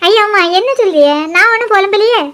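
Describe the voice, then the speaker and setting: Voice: very high voice, quick pace, pushed and bright, a little hiss or hum. Someone voicing a jittery young village man. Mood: defensive. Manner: pleading, defensive.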